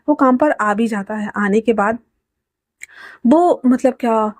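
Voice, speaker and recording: A woman reading a fan fiction story aloud in a chatty, animated way. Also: on the high side, no echo.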